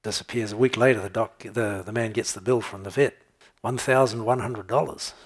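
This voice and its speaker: A man's voice: fairly low pitch, steady tone, brisk, husky. A man preaching a conversational sermon, telling jokes and checking in with his listeners as he goes. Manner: conversational, tells jokes and laughs, checks in with "okay?". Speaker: pastor.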